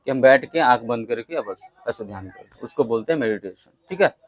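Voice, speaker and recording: A man's voice: mid-range voice, expressive, brisk, no room sound. A young male English teacher giving a vocabulary lesson, spelling each word out letter by letter and having the class repeat it back. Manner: call-and-response drilling, spells words letter by letter.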